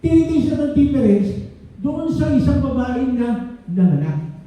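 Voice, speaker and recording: Older grandpa pastor, high voice, really dark mellow tone, big echoey church from far off. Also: male voice, big pitch swings, a little slow. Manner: conversational preaching with frequent "No?" asides. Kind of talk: sermon. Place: church hall. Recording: echoey room from a distance.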